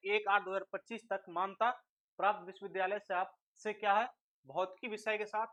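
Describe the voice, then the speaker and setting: Poor audio captures a man from India with a high, bright voice and a forceful delivery, teaching the way a coaching tutor would. He checks comprehension, answers his own rhetorical questions, and blends English terminology into his instruction.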